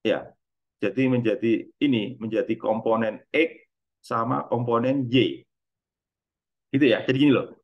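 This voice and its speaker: A man's voice: medium pitch, a little slow, long pauses, lo-fi sound. A middle-aged man teaching a physics class. He speaks in a loose, conversational style, repeats points and poses questions to the students before answering them himself. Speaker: physics lecturer. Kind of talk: university lecture.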